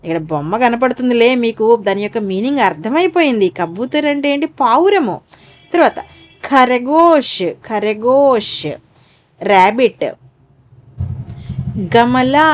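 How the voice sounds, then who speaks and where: A woman teaching a Hindi lesson to young pupils, saying each word twice and coaxing them to repeat after her. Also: fairly high pitch. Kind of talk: slow Hindi lesson for children.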